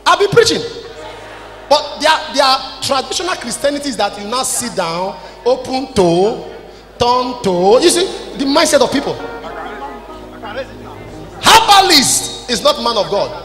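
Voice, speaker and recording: A Nigerian apostle in his forties preaches from the stage of a large church hall into a handheld mic, his voice extremely high, sing-song and fairly bright. He speaks at a measured pace with long pauses, scolding the congregation emphatically in short declarative phrases, with music behind him over the echoey PA.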